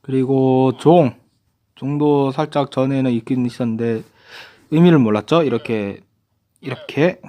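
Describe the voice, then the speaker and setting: A young man giving casual gameplay commentary, explaining new items and talking to himself as he plays. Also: medium pitch. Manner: lively, talks to himself while playing. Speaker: gaming YouTuber.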